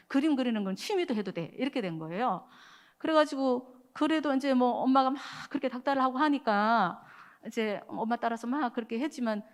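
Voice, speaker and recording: A woman preaching to a church prayer meeting, telling a story in a conversational way with many small fillers and speaking straight to the congregation. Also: a little high. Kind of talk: sermon with storytelling.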